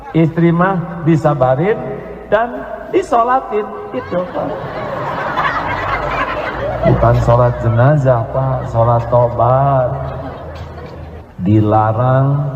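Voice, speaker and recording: A man's voice: medium pitch, takes it slowly, long pauses, darkish tone, slight background noise. A man preaching a humorous radio sermon and intoning Arabic prayers. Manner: humorous, teasing the congregation. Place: radio studio mosque program. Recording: phone-like echoey radio broadcast.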